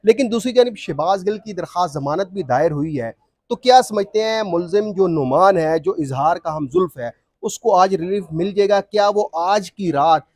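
A news reporter, a man with a notably high voice, puts pointed, leading questions to his guest. The sound is dry and close to the mic. He talks in the steady way of field reporting. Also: normal speed, no echo.

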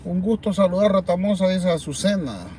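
Speaking briskly in a warm, high-pitched voice, a man from El Salvador hosts a live chat at night from his parked car, rambling animatedly and reading viewers' comments aloud in Salvadoran Spanish. A faint hiss or hum is present.

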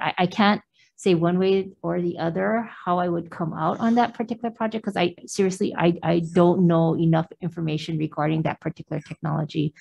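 An older woman testifying as a nominee at a confirmation hearing, answering in a measured, careful way with hesitant fillers, through a mask into a table mic. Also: lowish voice, vocal fry, darkish tone, slightly rough. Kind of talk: formal testimony answering questions. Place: government hearing room behind a plexiglass screen. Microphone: table microphone, wearing a face mask.

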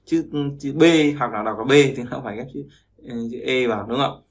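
Male language teacher, mid pitch, repeats himself, keeps checking in with listeners. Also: a little fast, gravelly. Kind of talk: explaining pronunciation lesson.

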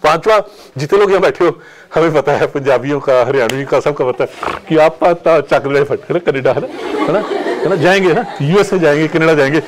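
A man's voice: a little high, normal speed, a faint crowd, slight background noise. A man giving a motivational talk to students, switching between Hindi and English and acting out little dialogues. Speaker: workshop speaker. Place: college hall with an audience.

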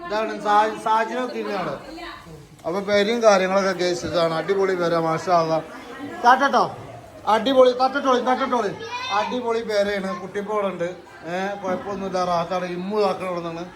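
A man with a Malappuram Malayalam accent, vlogging outdoors at a family gathering and loudly ordering and teasing his relatives. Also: high voice, a little fast. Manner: loud, bossy and teasing, calling out orders. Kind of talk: casual vlog, herding relatives. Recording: busy crowd noise behind.

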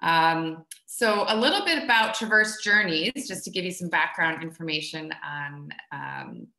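Casual webinar host, woman, 30s, chatty with fillers, sharp tone, laptop mic on a video call. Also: deep voice, very animated, unhurried. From United States. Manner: friendly, chatty, many fillers. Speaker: travel company co-owner hosting a webinar. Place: home room, video call. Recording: echoey room.

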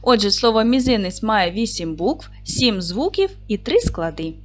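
A woman teacher giving a video lesson to young children, speaking slowly and clearly, drawing out words for dictation and encouraging the class. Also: mid-range voice, big pitch swings. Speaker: primary school teacher.

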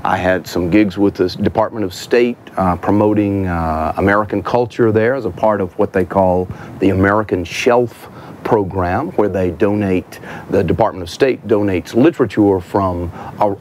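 A man's voice: fairly low pitch, moderate pace, a little mellow, a little hiss or hum. A man in his fifties from Mississippi with a Southern accent, a guest musician telling folksy, joking stories in a casual interview on an outdoor porch. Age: 50s.

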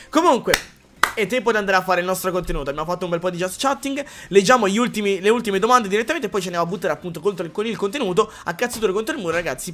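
A man from Calabria, a live streamer reading chat in a rambling, excitable way with crude jokes. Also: high-pitched. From Calabria, Italy.

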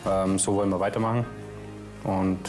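A man's voice: low voice, little pitch movement, moderate pace. A man, a restaurant cook, speaking hesitantly about the result. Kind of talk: casual talk. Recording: roomy, with music.

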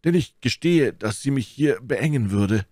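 A man doing a loud, blustering musketeer. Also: medium pitch, lively intonation, a little slow, no room sound, clean studio sound, voice pushed up. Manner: loud, emphatic.

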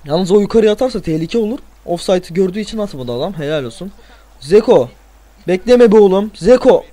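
A young man from Turkey commenting on his own football video game, excitable and swearing, yelling at the players on screen. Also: high-pitched. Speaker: gaming channel host. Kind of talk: let's play commentary.

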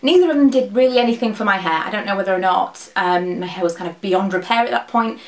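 Very fast-talking woman, chatty vlogger. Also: mid-range voice. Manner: very fast talking, rambling with frequent asides. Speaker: beauty vlogger. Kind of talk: casual chatty product review to camera. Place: small dressing room at home, indoors.

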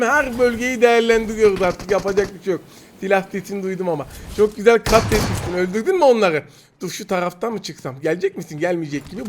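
High-voiced man trash-talking over gunfire. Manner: excited, teasing and trash-talking opponents. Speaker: mobile game streamer. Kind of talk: gameplay commentary. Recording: noisy game audio with gunfire. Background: gunfire and game sounds.

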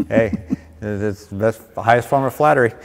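A man's voice: on the low side, moderate pace, vocal fry. A man co-hosting a live detailing class, reading out viewer comments in an easygoing, joking way and laughing often. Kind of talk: casual live-stream chat. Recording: reverberant room.

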